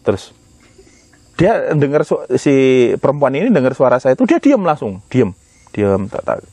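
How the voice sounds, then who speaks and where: Guy telling a story, loose and repetitive, mid pitch, dry sound. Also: very animated, moderate pace, warm tone, husky, no room sound. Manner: rambling, repeats phrases, conversational asides. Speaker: storyteller recounting healing experiences. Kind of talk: casual spoken storytelling.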